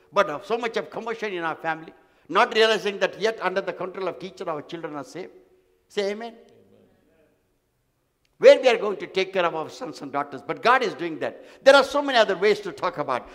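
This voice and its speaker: A man delivers an emphatic sermon as pastor, his voice pitched notably high. He repeats phrases for weight and builds to stressed declarations. The sound rings with a long hall reverb. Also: a bit bright. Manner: emphatic, repetitive preaching.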